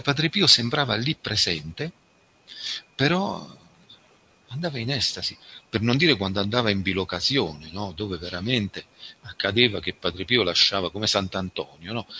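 Low-voiced man giving a spiritual talk. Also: expressive, pushed and bright, a little hiss or hum. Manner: slow, reflective, addresses listeners as friends. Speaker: religious speaker. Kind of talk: spiritual talk reading a testimony.

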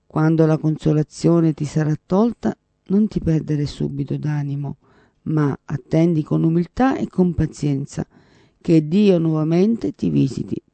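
A man's voice: fairly high pitch, measured pace, gravelly, mellow, dry recording. A man voicing an earnest, devout male professor who explains and quotes scripture.

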